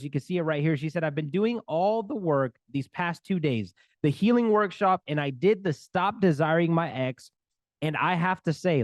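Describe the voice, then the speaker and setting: A man's voice: a little high, dry recording. A man working as a divorce recovery coach, talking to camera with earnest, faith-filled encouragement. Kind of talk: energetic talk to camera.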